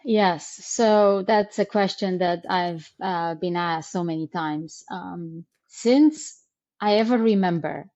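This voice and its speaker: A middle-aged woman from Romania, answering interview questions reflectively, pausing with fillers. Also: lowish voice, a little mellow, highs cut off. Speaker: guest.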